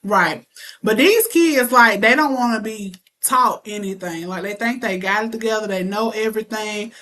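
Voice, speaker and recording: Bright-voiced young woman telling lively stories. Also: medium pitch, moderate pace. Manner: animated storytelling with playful mock threats. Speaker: interview guest. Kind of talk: casual chat.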